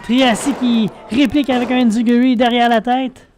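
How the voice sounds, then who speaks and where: A man with a Québécois French accent gives live wrestling play-by-play as a commentator, calling each move with excited exclamations. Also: very high-pitched, moderate pace. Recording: noisy venue with loud crowd behind.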